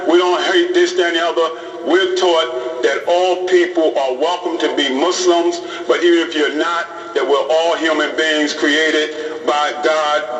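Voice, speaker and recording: Imam addressing police recruits in a roomy hall. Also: male voice, a little high, a bit bright. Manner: plain-spoken, repeats phrases for emphasis. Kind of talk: informal talk to police recruits. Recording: roomy hall audio from a distant mic.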